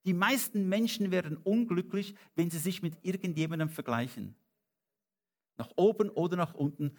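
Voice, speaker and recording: A man preaching a sermon in German, earnest and pleading, with slow stressed phrases and lifts of emphasis. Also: on the high side, a little mellow. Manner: earnest, rising to emphatic peaks.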